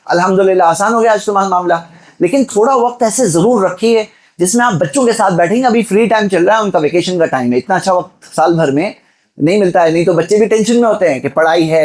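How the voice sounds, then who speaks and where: A man delivering a Friday sermon, exhorting the listeners and asking them rhetorical questions. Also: sits high. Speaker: preacher.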